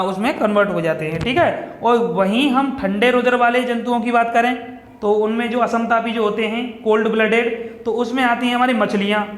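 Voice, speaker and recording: A man's voice: sits high, fairly bright tone. A man teaching exam-prep science to viewers, often checking in and asking then answering his own questions. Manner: repeats "ठीक है दोस्तों" often, asks and answers own questions. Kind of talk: explaining quiz questions to viewers. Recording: echoey room with long reverb.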